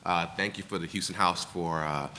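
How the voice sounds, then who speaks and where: A man from New York speaks as a venture investor on a panel in a measured way, with some fillers. His voice is very deep and very bright, and a long reverb from the event hall follows it. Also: fairly even intonation. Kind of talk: panel discussion.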